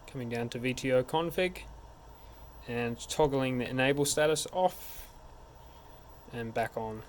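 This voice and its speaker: In an unhurried, mid-range voice, a man acting as a tech support instructor informally explains a hands-on technical procedure one step at a time. Background noise is clearly present.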